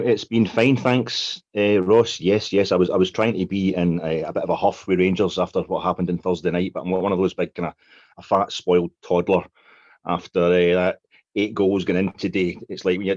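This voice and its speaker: A man's voice: deep voice, level tone, fairly quick, a little mellow, dry recording. A man, a podcast guest, chatting in a jokey, self-mocking way over a dull, dry lo-fi mic. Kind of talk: casual chat.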